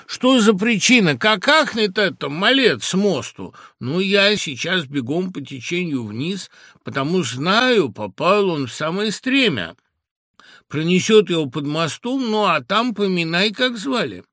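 Male reader doing a wet factory hand, loud, high, eager. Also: very animated, measured pace, no echo, studio quality, exaggerated voice. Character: soaked factory worker, eager storyteller.

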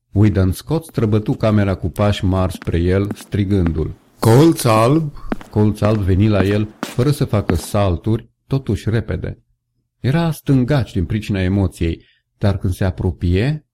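A man with a husky voice reading a story aloud, measured and steady, giving the characters' lines a little colour. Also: fairly low pitch. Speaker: audiobook narrator. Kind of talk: scripted narration.

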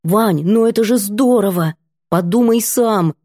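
A woman's voice: mid-range voice, measured pace, warm tone, no room sound, studio quality, close to an everyday voice. A woman reading an audiobook, voicing a bubbly, cheeky young female student who gushes and teases. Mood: gushing. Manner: gushing, teasing.

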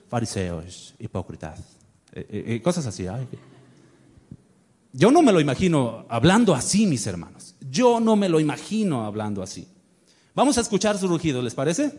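A man's voice: high voice, a little mellow. A male pastor preaching a sermon, emphatic and full of rhetorical questions to the congregation.

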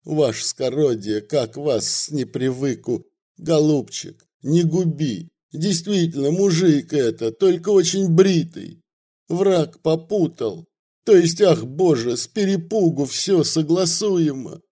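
A man's voice: on the high side, expressive, a little slow, dark tone. A man reading aloud and voicing a sly, fawning village miller who blusters and pleads. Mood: pleading.

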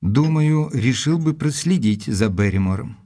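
An actor playing Dr Watson, an earnest, dutiful gentleman narrating his report in a measured, literary manner for an audio drama. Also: medium pitch, expressive, dry recording, studio quality. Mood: concerned. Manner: measured, deliberate, literary phrasing.

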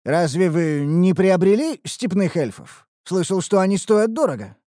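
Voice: mid-range voice, animated, normal speed, warm tone, no room sound, studio quality, pitched above the performer's own voice, lightly acted. Field: a narrator doing a stern grumbling blacksmith. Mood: bargaining. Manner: indignant, lecturing. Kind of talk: audiobook character voice.

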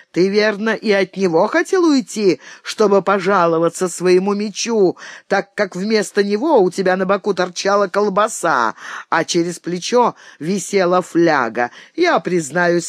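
Brief: teasing old knightly lord, jovial and lively in pitch, read by a male narrator. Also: dry recording, studio quality. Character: old boastful castle lord, mocking.

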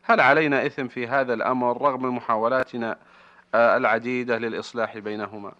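A man's voice: mid-range voice, fairly even intonation, fast. A man presenting a radio programme in formal Standard Arabic, reading out listeners' letters in precise wording. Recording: slightly dull lo-fi radio recording.

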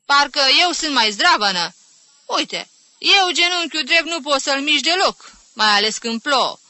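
A woman's voice: on the high side, sharp tone, no room sound, voice pushed up. A woman voicing a brusque elderly aunt who scolds and scoffs at doctors. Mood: snapping. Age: older. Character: snappish old aunt, dismissive of doctors. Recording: dry close studio reading.

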